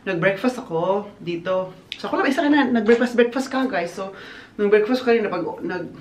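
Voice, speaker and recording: A man chatting casually in a birthday vlog, animated and laughing often, slipping English phrases into his talk. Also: high-pitched, brisk. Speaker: vlogger. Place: outdoors on a windy day. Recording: echoey, roomy sound.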